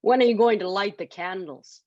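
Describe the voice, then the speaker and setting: A woman's voice: mid-range voice, moderate pace, no room sound, highs cut off, close to an everyday voice. A woman voicing a red-faced horned goblin, inquisitive and eager for money, in a children's storybook. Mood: impatient.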